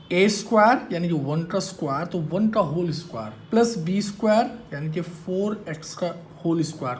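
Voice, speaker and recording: A man's voice: a little high, a little hiss or hum. A male maths teacher lecturing a class, teasing and quizzing his students as he goes.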